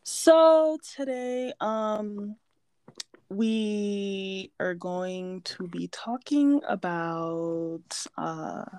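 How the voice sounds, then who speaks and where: A woman's voice: mid-range voice, expressive, drawn-out words, darkish tone, clean tone, no room sound. A young woman hosting a casual podcast chat, laid-back and giggly with many fillers. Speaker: podcast host.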